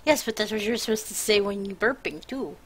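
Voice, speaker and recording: A woman's voice: mid-range voice, brisk, slightly rough. A tired young woman live-streaming a game, chatting in a rambling, teasing way with her sister. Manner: rambling, teasing, self-interrupting. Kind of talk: casual live-stream chat.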